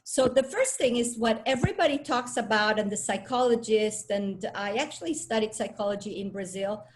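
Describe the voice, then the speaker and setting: Woman from Venezuela, fifties, coach addressing a room, upbeat and sure of herself, somewhat high voice. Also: normal speed, a little hiss or hum. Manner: enthusiastic, self-assured, chatty with restarts. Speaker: speaker and coach. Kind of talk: talk to a live audience.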